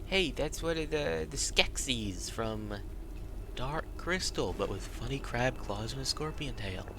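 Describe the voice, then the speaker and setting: Wry male gamer over loud background noise. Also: mid-range voice, expressive, unhurried. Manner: wry, playful quipping. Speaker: video game player. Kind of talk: casual let's play commentary.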